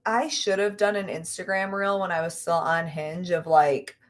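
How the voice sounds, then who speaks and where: Young adult woman, livestream host, animated, loose and talkative. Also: on the low side, moderate pace. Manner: animated, laughs often, lots of fillers. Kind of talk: casual chat with a friend.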